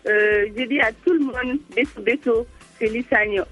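A woman's voice: a little high, moderate pace, a bit bright, dull audio, faint music behind. A woman as a radio guest, speaking casually with many hesitations.

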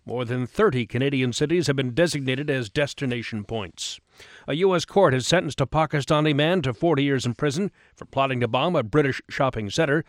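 A man reads radio news from a script. His voice sits at a middle pitch, recorded dry and close with no room sound. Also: brisk, no room sound. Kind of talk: scripted news bulletin reading.

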